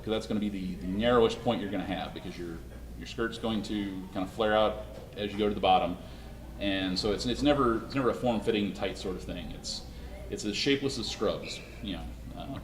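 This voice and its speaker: At a convention panel, a man presents a live costume-making demo, speaking haltingly and restarting often. His voice is slightly hoarse and on the low side, and the far-off mic makes the room sound echoey.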